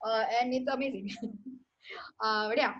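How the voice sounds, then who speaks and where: Young Indian-accented woman, high pitch, loose rambling livestream host who self-corrects. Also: fairly quick, highs cut off. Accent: Indian English. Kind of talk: casual livestream talk on art history.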